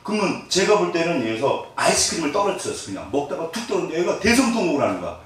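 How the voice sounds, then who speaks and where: A man's voice: a little high, sing-song, very fast. A middle-aged man preaching a sermon as pastor, joking with the congregation and acting out little scenes. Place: church hall. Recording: echoey hall, mic at a distance, faint noise.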